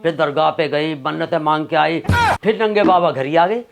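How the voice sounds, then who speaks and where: A man doing a high, gossiping auntie. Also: normal speed, creaky. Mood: gossipy. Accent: Haryanvi. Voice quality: high-pitched, scolding, chatty. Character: gossiping middle-aged housewife Jamila. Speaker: comedian playing Jamila Aapa. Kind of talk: sketch comedy monologue in a put-on woman's voice. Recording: loud background music.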